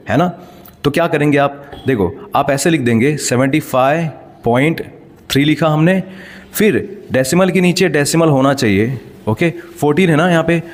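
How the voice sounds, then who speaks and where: A man explaining decimals step by step as a teacher, patient and checking in frequent rhetorical questions. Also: medium pitch. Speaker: math teacher. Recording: long hall reverb.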